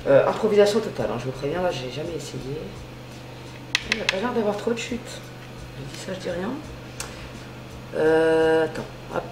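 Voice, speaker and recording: A woman's voice: deep voice, a little mellow, slight background noise. A woman beauty vlogger chatting casually and gushingly through a makeup tutorial, full of slang. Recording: roomy echo.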